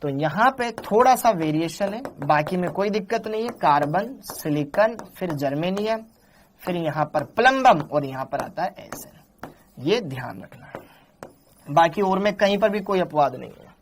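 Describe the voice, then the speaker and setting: Man, chemistry teacher, live online class, animated, coaxing. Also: high-pitched, normal speed, a little hiss or hum. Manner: animated, coaxing students, reads chat and scolds lightly.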